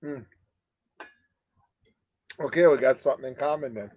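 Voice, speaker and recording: A man's voice: medium pitch, moderate pace, darkish tone, no echo, low-quality recording. Older male co-host, casual, rambling delivery full of restarts, dry close sound. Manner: rambling, many restarts and "you know?" tags. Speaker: co-host of a live advocacy chat. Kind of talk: casual live-stream chat.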